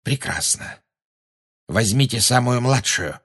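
A man's voice: expressive, takes it slowly, a bit bright, breathy edge, exaggerated voice. A man voicing a fanatical, cruel witch who hisses and shrieks in fury. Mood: menacing. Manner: shrill, hissing, shrieks in fury.

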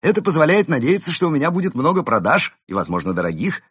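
A man's voice: on the high side, quick pace, slightly rough, no echo, studio quality, voice pushed up, heavily acted. A man putting on a greedy cheerful panda shopkeeper. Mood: wheedling. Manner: lively, wheedling, theatrical.

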